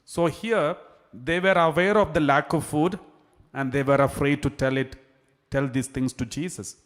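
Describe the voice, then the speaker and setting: A man serving as priest, reading the gospel and preaching in an earnest, measured way with frequent restarts. His voice carries a cathedral echo from a large church. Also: a little high. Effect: cathedral echo, long church reverb. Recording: long hall reverb in a church.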